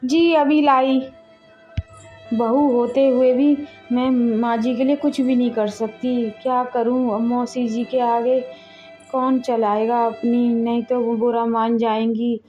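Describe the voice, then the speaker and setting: A dutiful young daughter-in-law played by a woman, polite and obedient, with a high, level voice. The recording is dull, with faint music underneath. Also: little pitch movement, takes it slowly. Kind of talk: family drama voice acting.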